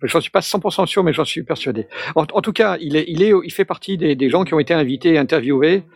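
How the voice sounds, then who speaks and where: A man's voice: a little high, expressive, fast talker, vocal fry, slightly rough. A man chatting casually on a podcast panel, hesitant, with many fillers and restarts. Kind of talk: casual chat.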